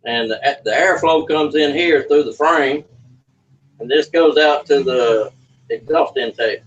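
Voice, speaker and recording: A man's voice: on the high side, a little slow, lo-fi sound. Folksy man, away from the mic. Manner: folksy, rambling while tinkering with a carburetor. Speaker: livestream host. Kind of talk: casual livestream chat. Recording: voice from a distance from the mic.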